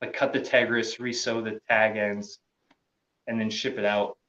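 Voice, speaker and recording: A man's voice: on the low side, flat delivery, unhurried, a bit bright, reverberant, dull audio. A man talking casually as a podcast guest, laid-back and trailing off, swearing casually and laughing often. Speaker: podcast guest, gear maker. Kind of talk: casual chat.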